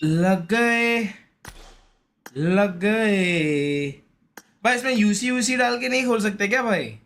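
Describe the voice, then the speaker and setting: With slight background noise behind him, a man speaks slowly in a high-pitched, expressive voice with a fairly bright tone. He has an Indian accent and chats casually with viewers during a gaming stream, slangy and repetitive, often exclaiming and grumbling.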